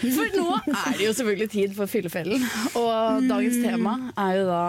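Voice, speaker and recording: A woman co-hosting a casual podcast, telling a funny story with lively acted-out quotes. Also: slight background noise. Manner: animated, acts out quotes with big pitch jumps. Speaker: podcast co-host.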